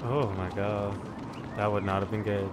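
A man's voice: lowish voice, fairly even intonation, moderate pace. A man hosting a let's-play, chatting casually with a co-player, laughing often and swearing mildly. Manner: laid-back, laughs often, mild swearing. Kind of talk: casual gaming chat. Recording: noisy background.

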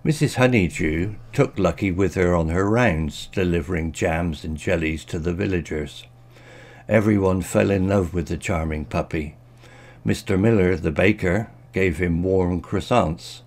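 A man with a low, deep voice reads a children's story aloud. His delivery is gentle and expressive, and he lifts his voice for the characters' lines. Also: measured pace.

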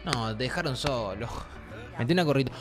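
A man's voice: mid-range voice, brisk. A man with an Argentine accent, joking and teasing as he commentates a life-simulation game on a stream. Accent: Argentine Rioplatense Spanish. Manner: playful and teasing, with animated swings in tone. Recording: game music playing behind the voice.

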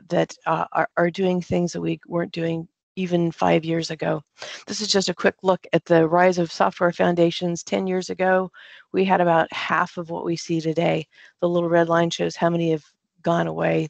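A man speaking as a panelist on a video call, presenting opening remarks in a measured way with frequent fillers. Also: sits high, gravelly, dry recording. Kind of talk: conference talk on a video call.

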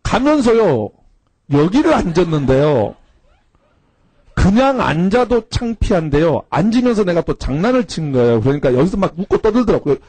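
Lively, husky male cram school lecturer. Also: high voice, normal speed, no echo. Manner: animated, slangy, casual storytelling. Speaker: cram school English instructor. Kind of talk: anecdotal classroom storytelling.

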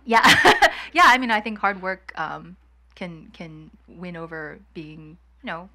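A woman from Hong Kong, in her thirties, speaks candidly and laughs easily as a guest on stage. Her voice sits a little low yet sounds bright and forward. She holds a handheld mic at an outdoor courtyard event. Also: animated. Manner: candid, quick laughs, chatty. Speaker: guest investor. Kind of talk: fireside chat on stage.

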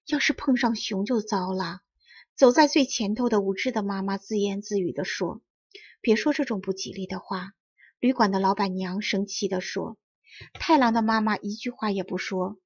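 A woman reading a children's story aloud in clear, carefully enunciated storybook narration. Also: medium pitch, moderate pace, highs cut off. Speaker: audiobook reader.

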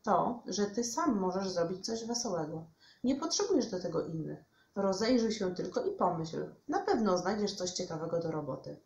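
A woman's voice: fairly low pitch, moderate pace. A woman voicing a wise, kind old granny. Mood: gentle. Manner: calm, gently scolding. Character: kind old grandmother animal. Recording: echoey room, dull lo-fi sound.

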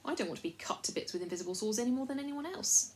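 A woman's voice: fairly high pitch, lively intonation, racing, a little hiss or hum, pitched above the performer's own voice, close to an everyday voice. A woman voicing a brave, sensible young girl who talks earnestly and plainly in an audiobook.

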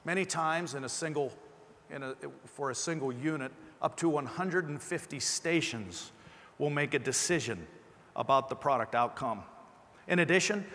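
Speaking into a lapel mic, a middle-aged man with a slight lisp gives a company keynote from a big indoor conference stage. His pitch is medium and his tone a bit bright. There's slight background noise, and the amplified hall rings with long reverb.

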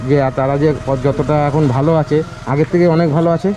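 A man's voice: fairly high pitch, steady tone, fast talker. A young man interviewing villagers outdoors, coaxing and repeating his questions. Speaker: charity vlogger host. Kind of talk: casual on-location interviewing.

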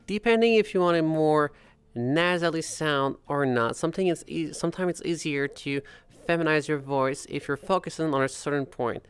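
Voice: mid-range voice, clean tone. Chatty voice coach with a Quebec French accent. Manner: chatty, demonstrates sounds mid-sentence. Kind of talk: casual tutorial.

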